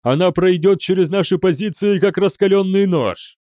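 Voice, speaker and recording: Alarmed male fleet master shouting in battle, voiced by a male narrator. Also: mid-range voice, sing-song, normal speed, dry recording, clean studio sound, natural voice. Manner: shouting, urgent.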